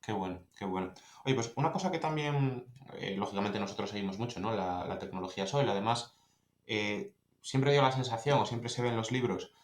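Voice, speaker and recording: A man's voice: on the low side, lively intonation, brisk, echoey room. A man with an accent from Spain, hosting a podcast and asking long, winding questions with frequent restarts. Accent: Spain Spanish. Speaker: podcast host. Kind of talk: interview questions.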